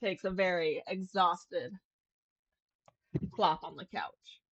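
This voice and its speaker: A woman's voice: on the low side, takes it slowly, a bit bright, lo-fi sound. A woman narrating a tabletop game as game master in a casual, meandering way. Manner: casual, meandering, filler-heavy.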